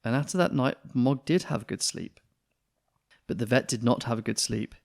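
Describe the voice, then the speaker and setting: Reading a children's picture book aloud, a man tells the story expressively at a moderate pace; his mid-range voice has some vocal fry.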